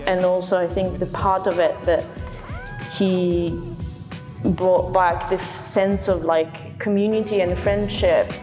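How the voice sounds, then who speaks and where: Young dancer, woman; hesitant, reflective telling, slightly low pitch, long reverb, faint music under. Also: level tone, slow pace, darkish tone. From Japan. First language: Japanese. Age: young adult. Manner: hesitant, with many fillers. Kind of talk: reflective interview talk.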